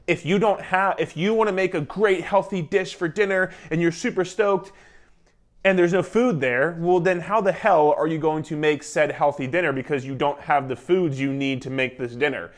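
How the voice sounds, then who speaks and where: A man in his thirties talks straight to the camera as a nutrition coach, energetic and emphatic, with a slightly higher voice than most men. He is in a living room, clipped with a lapel mic. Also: normal speed. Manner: energetic, emphatic, gestures a lot while talking. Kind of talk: casual instructional talk to camera. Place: living room indoors, beside a whiteboard.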